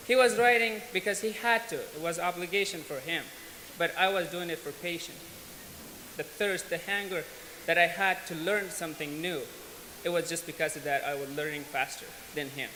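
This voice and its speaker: A man's voice: sits high, sharp tone. A man, earnestly telling his life story as a guest speaker at a church. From Afghanistan. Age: 20s. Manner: earnest, plain-spoken, unhurried, with small restarts. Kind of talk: personal testimony. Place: large church hall. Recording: echoey church hall, faint hiss.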